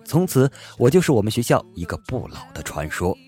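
A man hosting a comedy show, reading jokes in a playful storytelling manner with loud punchlines. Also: on the low side, sing-song, fairly quick, faint music behind. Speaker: comedy radio host. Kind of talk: comic joke reading.

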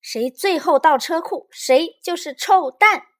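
A woman voicing a little girl bear cub in a children's storybook, shouting indignantly. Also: on the high side, expressive, moderate pace, pitched above the performer's own voice. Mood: curious.

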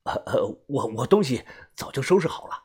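A man's voice: medium pitch, very animated, moderate pace, a little mellow, breathy edge. A man voicing a nervous hired guide in an audiobook, stammering and full of hesitations. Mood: anxious. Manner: stammering with many fillers.

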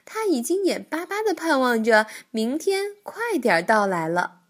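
A woman narrating a children's story in an expressive, gentle way. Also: high-pitched, normal speed.

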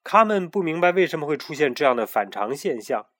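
语调起伏很大的男讲故事人. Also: male voice, fairly high pitch, a little fast. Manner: lively, expressive storytelling. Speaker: storyteller. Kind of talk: children's story narration.

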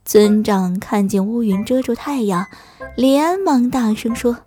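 A woman telling a children's story in a gentle, sing-song narration. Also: on the high side, a little slow, faint music behind.

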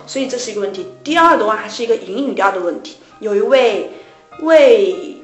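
A woman's voice: medium pitch, animated, fairly quick, roomy sound, soft background music. A woman co-hosting a casual English lesson talk, explaining pronunciation points patiently, step by step. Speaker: English tutor co-host. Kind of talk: casual radio-style chat.

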